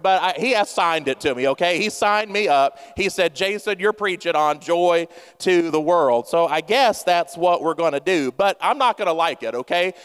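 Clear, resonant and a little bright, the high voice belongs to a pastor in his thirties whose sermon is playful, funny and self-mocking, aimed squarely at the congregation. Church-hall reverb lingers long in the sanctuary recording.

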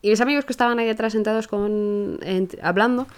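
A young woman with a Spain Spanish accent, hosting a podcast and telling a personal story in a casual, animated way, often restarting her sentences. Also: medium pitch. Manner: animated, rushes and restarts while telling an anecdote. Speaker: podcast host.

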